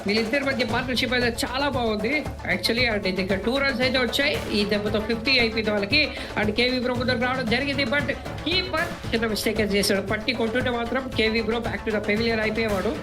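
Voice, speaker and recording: Female cricket commentator, excited play-by-play with English terms, higher-pitched, clear music bed underneath. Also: fast. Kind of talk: cricket match commentary in Telugu mixed with English.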